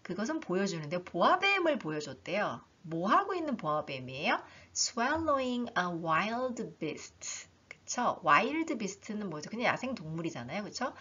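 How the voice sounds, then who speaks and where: A woman teaching an English book in a lively online lesson, reading lines aloud and explaining them, often voicing the learners' questions herself. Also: medium pitch, brisk, hardly any pauses, breathy edge. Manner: animated, talks herself through learners' questions. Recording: dull lo-fi recording.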